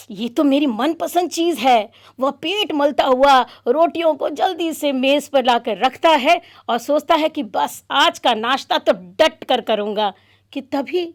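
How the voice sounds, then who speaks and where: A woman narrating a children's story expressively, pausing to explain words. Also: high-pitched. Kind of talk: storytelling demonstration for teachers.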